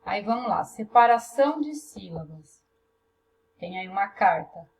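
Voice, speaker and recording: A woman's voice: mid-range voice, lively intonation, unhurried, gravelly. A woman with a Brazilian Portuguese accent, teaching a class through a workbook, step by step and often checking in with her students. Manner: patient, explains step by step, checks in with "tá?".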